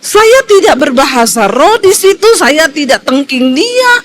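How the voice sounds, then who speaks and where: A woman pastor giving a sermon in a lively storytelling way, swinging between high exclaims and quiet low asides. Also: unhurried.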